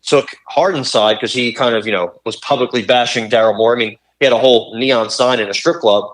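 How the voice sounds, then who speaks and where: A man's voice: mid-range voice, fairly even intonation, brisk, low-quality recording. Profane young man ranting about sports. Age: young adult. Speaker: podcast co-host. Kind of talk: casual sports talk.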